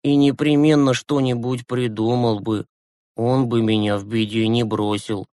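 Guy doing a shy soft boy, slow and unsure, dry close audio. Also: mid-range voice, fairly even intonation, dry recording, close to an everyday voice. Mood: sad. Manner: hesitant, soft. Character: timid gentle young boy.

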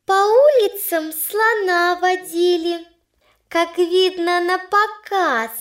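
A woman voicing a plump schoolgirl who mockingly recites in a thin, squeaky little voice. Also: slow pace.

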